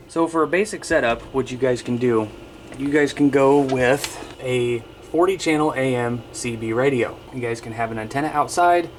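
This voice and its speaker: A video host with a medium-pitched voice casually demonstrates radio gear, explaining the equipment in an informal, conversational way and repeatedly calling his viewers "you guys." The recording carries a little hiss or hum.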